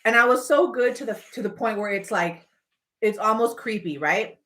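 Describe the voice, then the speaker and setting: A woman hosting a casual livestream, telling personal stories in an animated, playful, rambling way with emphatic points. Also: a little high, moderate pace. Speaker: livestream host.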